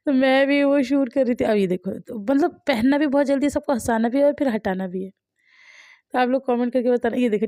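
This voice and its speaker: Chatty mother vlogging, mellow voice. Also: fairly high pitch, no room sound. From India. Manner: chatty, laughs often, wry self-mocking. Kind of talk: casual voice-over chat.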